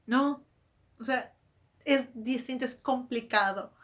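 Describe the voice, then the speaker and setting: A woman talks through her topic like a book vlogger, chatty and quick to correct herself mid-sentence. She keeps throwing rhetorical questions at her viewers. Her voice sits a little on the high side. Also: fairly bright tone. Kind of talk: casual explanatory monologue.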